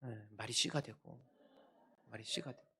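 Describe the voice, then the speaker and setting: Man preaching with loud emphatic swings. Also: normal speed, vocal fry, husky. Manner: emphatic, asks the congregation rhetorical questions; swings between loud outbursts and low asides. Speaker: senior pastor. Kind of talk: Sunday sermon.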